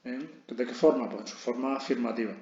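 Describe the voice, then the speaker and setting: A man's voice: medium pitch, brisk, warm tone. A man teaching a recorded lesson, explaining step by step and checking in with his students after each point. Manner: explains step by step, constant "¿vale?" check-ins. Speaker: English teacher. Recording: dull, roomy lo-fi recording.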